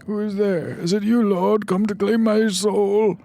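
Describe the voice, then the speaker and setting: Man doing a sickly old monk, high thin voice, gravelly, very slow, out of breath, game dialogue. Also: fairly even intonation, mellow. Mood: weak, pious. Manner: slow, feeble and pious. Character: frail, ill old male monk, breathless. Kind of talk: reading game dialogue aloud.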